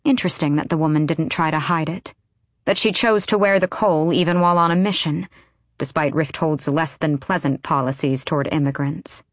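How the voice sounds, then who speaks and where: Woman reading a fantasy audiobook, low voice, dry close sound, measured pace. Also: no echo. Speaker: audiobook narrator. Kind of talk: scripted narration.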